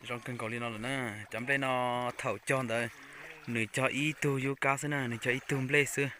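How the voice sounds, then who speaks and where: A man's voice: medium pitch, fairly even intonation, fast talker, bright, forceful tone, slight background noise. A man vlogging outdoors near a stream, chatting casually as he explains what he is doing. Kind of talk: casual talk while working.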